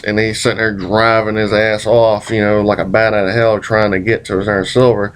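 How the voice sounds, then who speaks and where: A man casually rambling through a recounted dream in a hazy, puzzled way, groping for words, with folksy, mildly profane phrasing. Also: on the low side. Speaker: vlogger.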